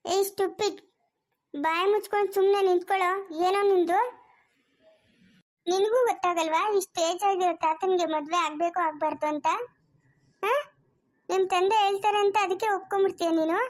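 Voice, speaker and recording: A woman's voice: extremely high pitch, fairly even intonation, moderate pace, pauses often, a little mellow. A woman voicing a bold young heroine in a cartoon, commanding and indignant. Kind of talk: cartoon voice acting.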